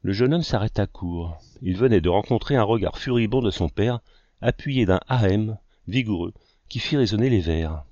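A man narrating a novel as an audiobook in a measured reading style. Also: fairly low pitch, animated, darkish tone, no echo, lo-fi sound. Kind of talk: scripted narration.

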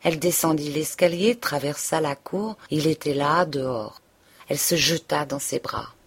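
A woman reading a classic novel aloud as audiobook narrator, in a steady, even literary manner. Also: deep voice, moderate pace, slightly rough. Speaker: audiobook reader.

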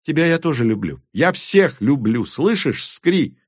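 A man's voice: a little high, big pitch swings, a little slow, dry recording, clean studio sound, pitched above the performer's own voice. A man reading an audiobook, voicing a bold, joyful young woman who speaks shrilly. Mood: exuberant.

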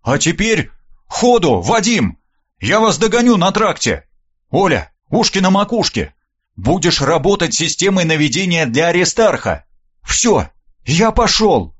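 A man voicing a brisk young pilot giving orders. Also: fairly high pitch, very animated, a bit bright, dull audio, pitched above the performer's own voice. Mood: commanding. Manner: brisk, commanding calls. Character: young male pilot barking orders to his crew.

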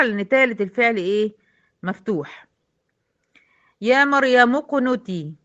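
A woman's voice: medium pitch, a bit bright, dull audio. A woman with an Egyptian accent teaching a recitation lesson, patiently quizzing her female students step by step. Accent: Egyptian Arabic.

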